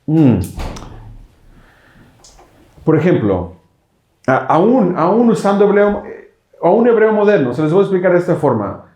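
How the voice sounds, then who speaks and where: A man with a warm, relaxed voice teaches scripture in an echoey room. He explains patiently, one step at a time. He keeps checking that his listeners follow with quick rhetorical questions. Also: high voice, lo-fi sound. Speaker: congregation teacher. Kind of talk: bilingual Bible teaching.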